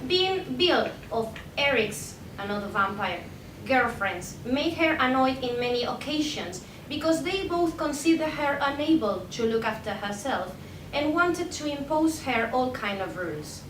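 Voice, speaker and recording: A young PhD candidate from Spain reads her paper from a prepared script at an academic conference, speaking a little slowly and animatedly while taking care, with the occasional stumble and self-correction. Captured indoors by a distant mic, the audio is echoey with a faint rumble.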